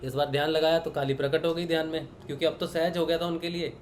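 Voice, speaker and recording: A man's voice: fairly high pitch, flat delivery, fast talker, slight background noise. Earnest man leading a spiritual talk. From Punjab, India. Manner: earnest, reflective, acts out dialogue from stories. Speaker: meditation session leader. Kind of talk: spiritual discourse with storytelling.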